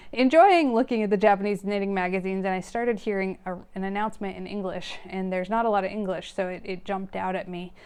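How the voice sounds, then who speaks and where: This woman hosts her own knitting vlog, speaking to camera in a friendly, rambling way full of fillers and small laughs as she addresses her viewers directly. Her voice is medium-pitched, smooth and a little mellow.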